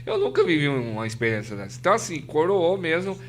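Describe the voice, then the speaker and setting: A man's voice: on the high side, sing-song, fast. A Brazilian man from the São Paulo interior, a podcast guest telling a faith story earnestly, often tagging "né?" and acting out what others said. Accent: Brazilian Portuguese, São Paulo interior. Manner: earnest storytelling, frequent "né?", acts out quoted voices. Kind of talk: emotional testimony in casual chat.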